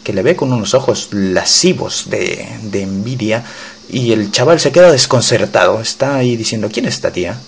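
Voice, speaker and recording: Low-voiced man narrating a reaction. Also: normal speed, creaky, slight background noise. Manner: joking, narrates what he sees, voices the characters' lines. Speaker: podcast host reacting to anime. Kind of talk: live reaction commentary.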